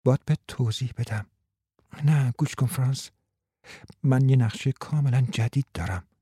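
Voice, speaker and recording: A man voicing a determined, scheming young wife who speaks in a hushed, coaxing way. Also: medium pitch, breathy edge, no echo, studio quality, close to an everyday voice.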